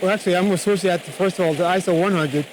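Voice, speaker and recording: High-voiced man talking beside a rushing river. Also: rough recording. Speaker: photography vlogger. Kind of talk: casual on-location photography tutorial. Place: outdoors beside a rushing cascade. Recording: loud rushing stream noise. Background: rushing water.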